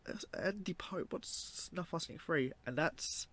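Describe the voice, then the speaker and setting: A man's voice: fairly high pitch, unhurried, bright, forceful tone. A man narrating his own story in a casual, unscripted way, rambling informally and often trailing off. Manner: rambling, informal, trailing off with 'like' and 'you know'. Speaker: documentary narrator and video creator.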